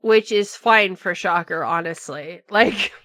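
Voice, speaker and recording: A woman's voice: fairly low pitch, slow, sharp tone, no room sound. A woman in casual chat as a podcast co-host, talking emphatically and swearing freely.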